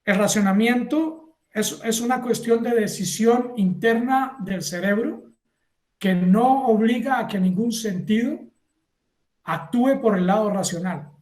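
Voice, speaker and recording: A man giving a university lecture, lively, acting out little scenes and asking the class if they follow. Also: high voice, unhurried, roomy sound. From Colombia. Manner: animated, acts out little scenes and asks the class for agreement.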